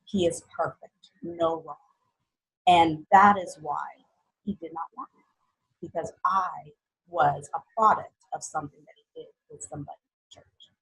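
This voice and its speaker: A young woman from Haiti tells her own life story as a guest, earnest and halting, with fillers. Her voice is husky and sits a little low. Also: fairly bright tone, poor audio. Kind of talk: personal story in an interview.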